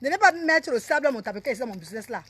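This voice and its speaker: A woman, selling products on a casual live stream in loud sing-song sales calls with chatty asides to commenters. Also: high-pitched, lively intonation, very fast, a little hiss or hum. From Cameroon. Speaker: online seller on a live stream.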